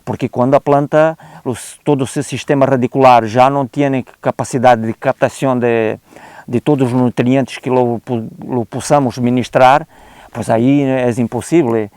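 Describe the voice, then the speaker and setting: A man with a European Portuguese accent speaks unscripted on a country estate. His voice is warm, mellow and smooth. He talks in a hesitant way, with many "eh" fillers and restarts, and mixes Spanish words into his sentences. The sound is dry and close. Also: medium pitch, steady tone, normal speed, dry recording. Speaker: guest expert on oak disease. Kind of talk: unscripted explanatory talk.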